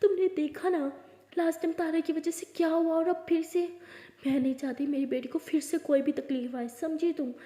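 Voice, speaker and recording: A fiercely protective middle-aged mother, scolding and commanding, her voice raised high and hard, as a woman narrator puts her on. Everything rings with a long, roomy reverb. She stays bossy and unyielding. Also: fairly even intonation, moderate pace, dark tone. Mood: angry.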